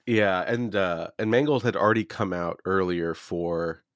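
A man with a low voice tells lively stories in a casual podcast chat. He laughs often as he goes. The sound is dry and close. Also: measured pace, dry recording. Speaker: podcast co-host.

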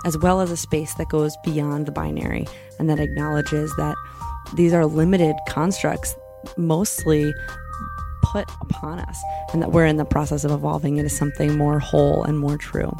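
Female podcast host with a flat, fry-edged delivery, earnest and measured over a music bed. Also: low-pitched. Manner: deliberate, measured, reflective. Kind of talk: earnest spoken introduction.

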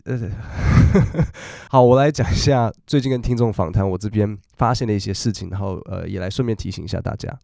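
A man's voice: on the low side, fast, gravelly, few pauses, darkish tone, dry recording, studio quality. A man, hosting a casual, chatty podcast about work English. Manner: chatty, storytelling, acts out quoted voices. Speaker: podcast host teaching English. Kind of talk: casual chat.

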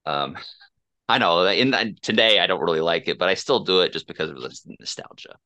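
A man's voice: sits low, lively intonation, moderate pace, dry recording. A man from Oklahoma telling a childhood story as a coaching guest, hesitant and full of fillers. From Oklahoma, USA. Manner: hesitant, many fillers and restarts, soft-spoken. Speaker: coaching client and podcast guest. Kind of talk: casual personal storytelling.

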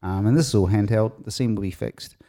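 Male, broad Kiwi accent. Soft-edged, mellow, fairly low. Colloquial, chatty interviewee. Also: a little fast. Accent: broad New Zealand. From New Zealand. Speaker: interview guest, street photographer. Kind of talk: casual conversational anecdotes.

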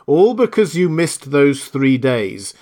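A man voicing a magical desert djinn in a storybook reading, speaking slowly and emphatically with stern authority. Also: fairly high pitch, big pitch swings, darkish tone.

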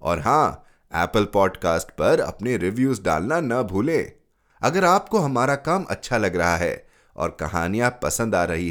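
A man hosting a story podcast, reading a first-person tale aloud with dramatic expression. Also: fairly low pitch.

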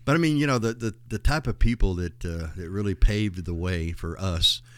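A man's voice: deep voice, normal speed, dry recording. A man, chatting casually as a guest and rambling through memories with many fillers. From West Texas. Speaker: guest, host's father. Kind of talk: casual chat.

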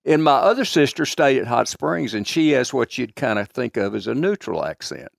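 A man's voice: medium pitch, big pitch swings, moderate pace, creaky, no echo, clean studio sound. A man with a rural Arkansas country accent, reminiscing unhurriedly in a podcast chat.

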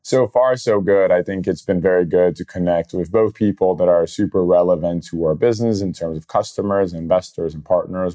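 Man, young, from Brazil, startup founder, low voice, chatty fillers. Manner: relaxed, quick storytelling with frequent fillers. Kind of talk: casual interview storytelling. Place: outdoor event venue.

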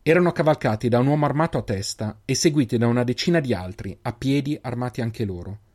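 A man narrating a fantasy story in a measured, even reading. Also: mid-range voice. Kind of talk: audiobook narration.

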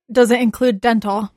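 A joking woman player at a tabletop game, speaking slowly in a high voice. She sounds amused and playful. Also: a little mellow. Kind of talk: casual game chat.

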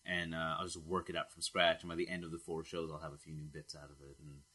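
A man from Queens, a stand-up comedian telling anecdotes in casual chat and getting animated when he quotes people. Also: rumbling low, fast, slightly rough. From Queens, New York.

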